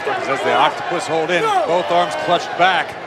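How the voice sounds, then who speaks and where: A male wrestling commentator gives opinionated, emphatic analysis during a live match. His pitch is high, over a very loud and noisy crowd. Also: moderate pace. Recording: loud arena crowd noise behind voice.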